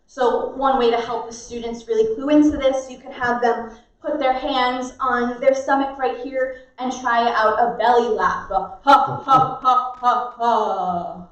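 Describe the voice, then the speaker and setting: High-voiced woman teaching warm-ups. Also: steady tone, measured pace, highs cut off. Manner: clear, instructive, bursts into loud chants. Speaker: drama teaching artist. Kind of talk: demonstrating class warm-ups. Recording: echoey room, distant mic.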